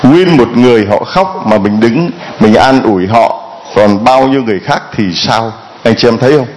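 Vietnamese priest preaching, rhetorical questions. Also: male voice, mid-range voice, moderate pace, a little mellow, rough recording. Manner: rhetorical questions answered aloud, quoting parishioners' pleas. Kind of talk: Gospel reading and homily.

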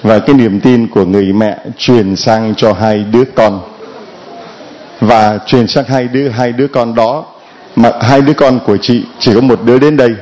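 A male priest preaching in a measured way to the congregation in church. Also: medium pitch, steady tone, darkish tone, poor audio. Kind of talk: sermon to the congregation.

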